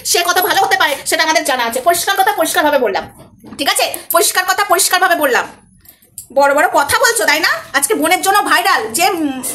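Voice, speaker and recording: Give me a young woman vlogger ranting at breakneck speed in a very high, bright voice. She scolds with rhetorical question after rhetorical question and keeps hammering the same points. It should sound like heated commentary made straight to camera. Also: a little hiss or hum. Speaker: vlogger host.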